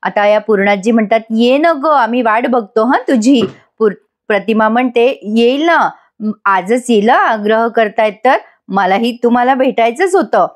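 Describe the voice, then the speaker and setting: A woman's voice: a little high, moderate pace. A woman with a Marathi accent giving a chatty voice-over recap of a TV serial, laughing often and reading out the characters' lines. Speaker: serial review narrator.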